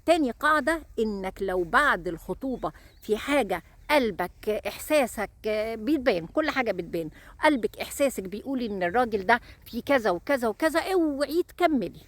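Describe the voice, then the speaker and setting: An Egyptian woman speaks in a slightly high voice as she gives marriage advice. She hammers her points home by repeating words again and again. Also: expressive, brisk, dry recording. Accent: Egyptian Arabic. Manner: emphatic, repeats words for stress. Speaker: relationship advice host.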